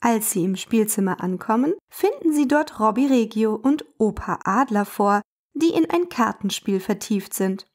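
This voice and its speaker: A woman narrating a children's storybook in a clear, expressive way. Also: fairly high pitch, normal speed.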